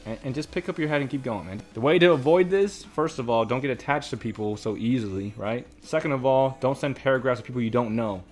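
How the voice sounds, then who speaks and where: A man's voice: medium pitch, fast talker, hardly any pauses, soft background music. A young man reading comments aloud and ranting about them in casual commentary, exasperated and lecturing, often repeating himself.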